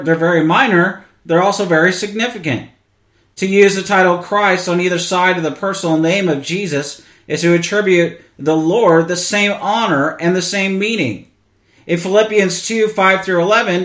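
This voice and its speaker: A fairly high-voiced man hosts a podcast, earnestly explaining a theology question. He often restarts his phrases as he teaches. The voice rings in a roomy, echoey space. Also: a bit bright. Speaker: podcast host. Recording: echoey room.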